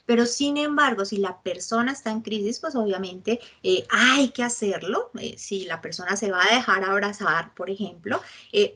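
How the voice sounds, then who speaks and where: Husky Colombian woman teaching a workshop. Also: mid-range voice. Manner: checks in constantly with listeners, animated examples. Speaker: workshop instructor. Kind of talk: teaching a psychological first aid workshop.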